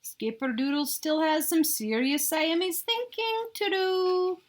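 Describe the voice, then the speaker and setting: A woman's voice: extremely high pitch, pitched above the performer's own voice. A woman voicing a firm, emphatic mother cat who scolds and coaxes in a picture-book read-aloud. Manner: emphatic, drawn-out commands.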